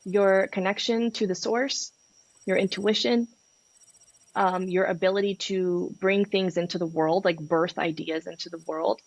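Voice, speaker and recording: A woman's voice: mid-range voice, steady tone, unhurried, no echo, rough recording. A woman from Peru, a sex and relationship coach, talking frankly and passionately as a podcast guest. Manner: candid, passionate, frank with swearing. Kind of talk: podcast interview.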